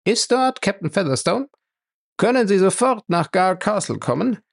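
A man's voice: sits high, sing-song, normal speed, creaky, pitched above the performer's own voice, exaggerated voice. A man reading a storybook voicing a scheming caller with a clipped, official-sounding delivery. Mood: urgent. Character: man making a scheming phone call.

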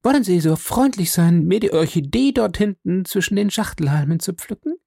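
A man voicing a young woman who gives urgent, hurried warnings on a lonely moor. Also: high voice, expressive, creaky, a little mellow, dry recording, studio quality, voice pushed up, heavily acted.

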